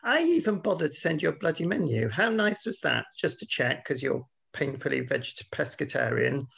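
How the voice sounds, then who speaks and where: A man's voice: on the high side, very animated, brisk, vocal fry, a bit bright, slightly rough. A British man hosting a podcast, telling his side of a petty dispute in an exasperated, sweary, interrupting way. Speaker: podcast host. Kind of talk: casual bickering storytelling.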